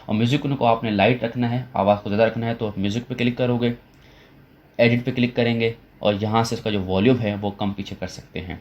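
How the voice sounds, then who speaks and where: A man talking through a software tutorial step by step, with frequent fillers and restarts as he goes. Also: medium pitch, steady tone, highs cut off. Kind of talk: screen-recorded software tutorial.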